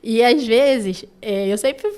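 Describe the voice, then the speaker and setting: A woman with a Brazilian Portuguese accent, a children's ministry teacher, chatting on a podcast and telling lively stories with lots of "né" and "sabe". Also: fairly high pitch, slow pace. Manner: animated storytelling, frequent "né" and "sabe". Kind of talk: casual podcast chat.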